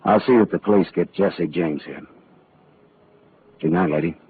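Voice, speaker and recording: Actor as low-voiced hard-boiled radio detective. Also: male voice, moderate pace, very noisy, natural voice. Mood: relieved, wry. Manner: sardonic, clipped tough-guy delivery. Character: hard-boiled, wisecracking private detective, tough but decent. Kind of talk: 1940s radio noir acting and first-person narration. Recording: muffled old radio recording with music.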